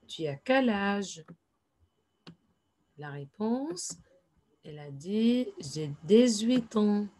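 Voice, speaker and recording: A woman teaching in a slow, patient classroom explanation, repeating each phrase and adding English asides. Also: mid-range voice, animated, mellow. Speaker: French teacher.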